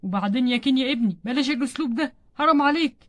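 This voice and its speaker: A woman with an Egyptian Arabic accent voicing a kindly older grandfather who calms and gently chides. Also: high-pitched, rapid-fire, no room sound, close to an everyday voice. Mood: reassuring. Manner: calming and gently chiding.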